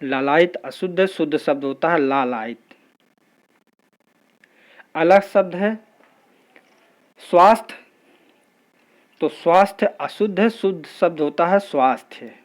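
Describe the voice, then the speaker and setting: A man leads an exam-prep spelling lesson, going through each word in a steady, patient rhythm. His voice sits a little high for a man, and he drills the class in a methodical, even way. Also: a little slow, pauses often. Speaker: teacher.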